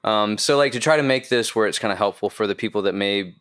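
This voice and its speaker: A man's voice: lowish voice, fast talker, fairly bright tone, smooth. A man hosting a podcast, asking questions in casual chat and giving frequent short, encouraging agreements. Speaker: podcast host.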